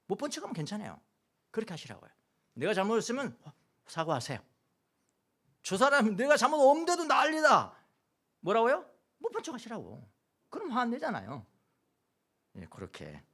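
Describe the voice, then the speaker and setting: A man delivers a Sunday sermon from a church pulpit, his pitch rising and falling widely. He shifts from loud, exclamatory bursts to quiet murmurs, repeats phrases for emphasis, and slips in humorous asides. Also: breathy edge. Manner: animated, swings from loud exclamations to soft murmurs. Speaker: pastor. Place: church sanctuary.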